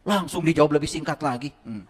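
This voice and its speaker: A middle-aged man preaching to a live audience, telling his own story and swinging between loud exclamations and hushed asides. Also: a little high, quick pace, husky. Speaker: Islamic teacher.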